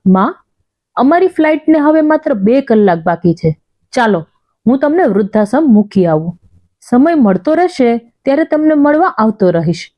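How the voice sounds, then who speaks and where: A woman narrator doing a cold, detached grown son, speaking in an even, businesslike tone. The voice rides a bit high with lively pitch, in dull lo-fi storybook sound. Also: normal speed, no room sound. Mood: calm. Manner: calm, businesslike.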